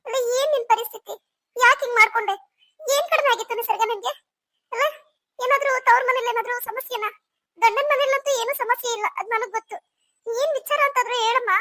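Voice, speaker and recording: A woman's voice: very high voice, quick pace, pushed and bright, no echo, pitched above the performer's own voice. A woman voicing a caring sister-in-law who coaxes and fusses in a cartoon story. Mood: worried. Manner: coaxing, fussing.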